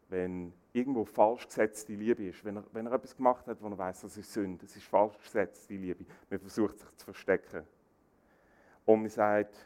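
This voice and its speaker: A man preaching a sermon, animated, acting out quoted dialogue. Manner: animated, acts out quoted dialogue with rising pitch.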